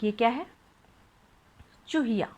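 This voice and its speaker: A woman's voice: fairly high pitch, slow pace, a little mellow. A woman teaching young children to read, spelling words out syllable by syllable with patient questions. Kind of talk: children's phonics lesson.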